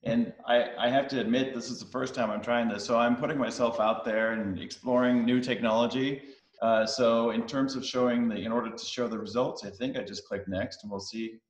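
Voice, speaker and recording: A middle-aged man born in Denmark speaks as a guest on a video call, with a medium-pitched voice and fairly even intonation. He sounds casual and halting, using lots of fillers and restarts, and the call has a roomy echo.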